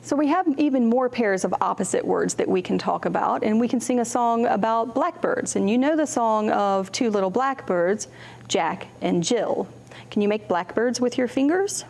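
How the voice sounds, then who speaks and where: A woman librarian hosts a children's storytime, reading picture books aloud expressively, acting out contrasts with her voice, and asking her young listeners simple questions. Her voice is on the high side and creaky, at a moderate pace.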